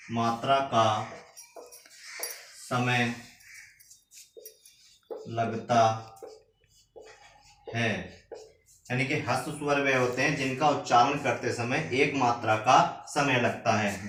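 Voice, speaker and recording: A man teaching a grammar lesson, slowly repeating each term word by word as if for students to copy down. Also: medium pitch, fairly bright tone. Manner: slow, repeats words one at a time for dictation. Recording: echoey room, mic at a distance, faint noise.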